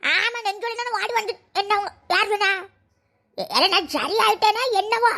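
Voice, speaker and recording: A woman voicing a sharp-tongued old village mother in a cartoon, speaking in a scolding, sarcastic way. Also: extremely high pitch, animated, normal speed, exaggerated voice.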